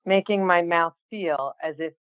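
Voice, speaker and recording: A woman's voice: lowish voice, a little slow, dry recording. Woman on a tinny phone line. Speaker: writing group participant. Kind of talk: reading own humorous piece. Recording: thin phone-line sound.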